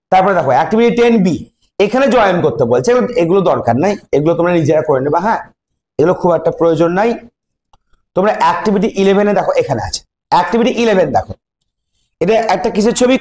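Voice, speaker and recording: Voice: medium pitch, darkish tone. A primary school teacher talks a class through revision, posing questions and supplying the answers. The delivery is patient and repetitive, one step at a time. The recording is roomy, with a faint hum behind. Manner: asks questions and answers them, repeats key words. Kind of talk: revision lesson for young pupils.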